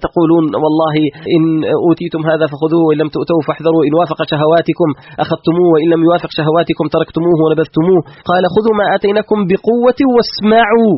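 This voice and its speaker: A man's voice: on the high side, flat delivery, rapid-fire, husky, dull audio. A man as guest scholar explaining scripture in a religious lecture, emphatic and full of rhetorical questions.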